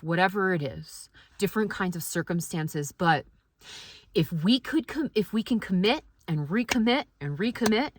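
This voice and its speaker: A woman's voice: fairly low pitch, a bit bright, no echo. Candid woman vlogger, dry close sound. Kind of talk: casual motivational monologue.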